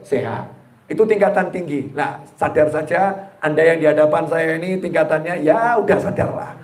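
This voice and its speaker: A man giving a humorous sermon to a live audience, talking straight to his listeners and breaking words across pauses before finishing them. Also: high-pitched, darkish tone. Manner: jokey, addresses the audience directly, acts out quoted people. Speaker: preacher. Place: gathering hall with a live audience. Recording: roomy, echoing hall sound.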